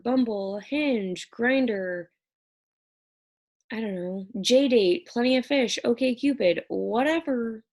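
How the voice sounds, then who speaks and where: A woman's voice: medium pitch, creaky, a little mellow. A woman instructor talking through an exam review lecture in a conversational way, checking in often with "right?".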